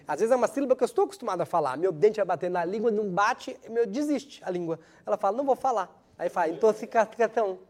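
Male comic host, high voice, rambling self-mocking monologue, laughs at his own jokes, slight aligner lisp. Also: a little mellow. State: speech slightly hampered by new dental aligner. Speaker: comedian host of a weekly segment. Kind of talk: stand-up style comic monologue.

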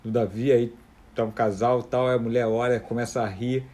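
A man from Rio de Janeiro, Brazil, with a Carioca accent, chats in a casual comedic way, stammering and circling back on his words. His mid-range voice is a little mellow and a little fast, with fairly even intonation.

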